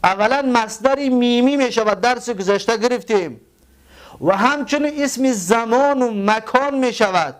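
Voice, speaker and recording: A man with a Tajik accent teaching a grammar lesson. He goes slowly, repeats words and spells them out letter by letter. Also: very high voice, clear, resonant tone.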